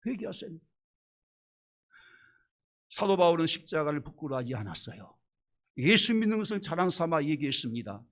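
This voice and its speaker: A male pastor preaching a sermon with passion, firing rhetorical questions and moving between loud appeals and hushed asides. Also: on the high side, sing-song, fast talker.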